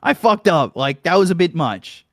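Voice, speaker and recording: A man with a fairly high, very lively voice tells a story in a heated, profane rant. He sounds close and dry on the mic, with no room sound. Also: normal speed, dry recording.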